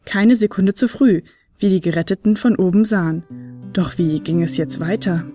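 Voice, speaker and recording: A woman narrating a children's advent story in a clear, steady storytelling voice. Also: lowish voice, normal speed, faint music behind.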